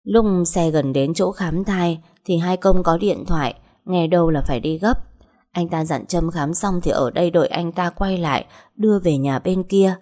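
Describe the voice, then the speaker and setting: Woman, low voice, first-person story narration, steady telling. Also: normal speed.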